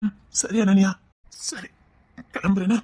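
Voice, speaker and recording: A man with a Tirunelveli Tamil accent, playing a scheming young man who talks softly and wheedles. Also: high-pitched, level tone, slow. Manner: soft wheedling voice that turns mocking. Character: scheming young man, fake-tearful, later cold and harsh. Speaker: actor in a skit. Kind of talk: melodramatic skit acting.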